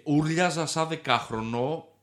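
A man who is a stand-up comedian, talking as a guest in a casual podcast chat; excitable, repeating words and swearing freely. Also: on the high side.

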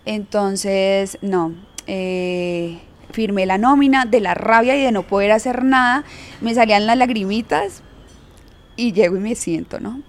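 A woman's voice: medium pitch, a little slow. A young woman telling a personal story frankly, laughing often as an interview guest. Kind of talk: candid storytelling in conversation.

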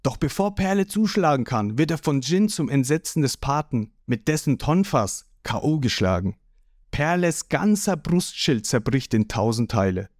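A man narrating an audio manga reading with slow, deliberate storytelling. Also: medium pitch, animated, a little mellow, no room sound, clean studio sound.

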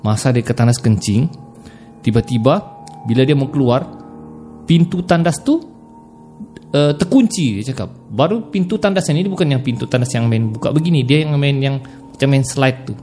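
A man narrates a ghost tale casually, with very lively pitch and sudden dramatic swings. His tone is dark and mellow. Faint music plays behind him. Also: normal speed. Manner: animated, conversational, swings between loud and hushed. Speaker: storyteller.

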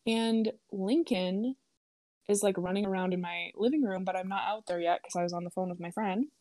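A woman's voice: medium pitch, moderate pace, mellow, no room sound. A woman in her twenties telling a story in a casual, chatty way, full of "like" and "um" and freely swearing. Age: 20s. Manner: chatty, filler-heavy, lots of "like" and "um".

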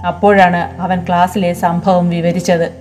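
Mellow-voiced woman reading a story. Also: lowish voice, level tone, unhurried. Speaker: narrator. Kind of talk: storybook narration. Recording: soft background music.

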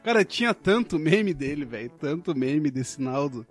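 A man with a high, very lively voice that swings up and down, chatting in loose slang on a radio show. He laughs a lot, and faint music plays behind. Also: normal speed, breathy edge. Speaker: radio co-host. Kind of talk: casual radio banter.

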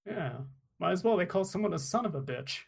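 Gravelly joking podcast co-host man. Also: high-pitched, lively intonation, a little fast. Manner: dry joking, self-mocking. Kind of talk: casual chat.

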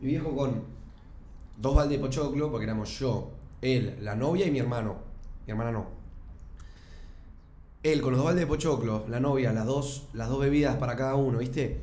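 A man's voice: medium pitch, normal speed, long pauses, echoey room. A young man with a Rioplatense Argentine accent, telling stories animatedly as a stream panelist. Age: young adult. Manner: animated storyteller, slangy. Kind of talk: casual chat.

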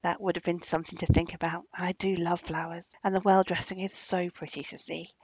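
Storybook role: woman doing a gentle, aching old cottage woman, husky and gravelly, close and dry. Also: lowish voice, level tone, a little fast, no room sound, low-quality recording. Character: poor, kindly, aching old woman living alone.

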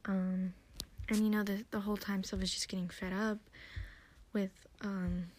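A young woman talks through a TV episode in a hushed ASMR style, sometimes dropping into a whisper. Her pitch sits in the middle. She rambles casually, with plenty of fillers along the way. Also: little pitch movement, normal speed. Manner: chatty, often whispering, many fillers. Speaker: TV episode recapper.

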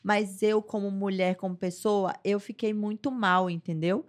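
A woman's voice: mid-range voice, steady tone, unhurried. A young adult woman, a podcast guest, speaking candidly in casual interview conversation and telling personal stories with feeling. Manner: candid, emotional storytelling with frequent "gente".

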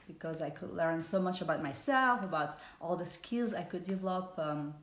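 Softly low woman with roomy echo. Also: animated, moderate pace. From Switzerland. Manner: hesitant, many fillers, warm greetings. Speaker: business speaker. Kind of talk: live online presentation.

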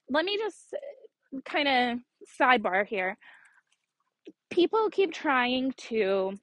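A woman's voice: on the high side, fairly bright tone, dry recording, rough recording. Chatty, earnest woman podcaster. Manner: chatty, earnest and encouraging, with small laughs. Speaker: podcast host. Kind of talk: casual solo podcast talk.

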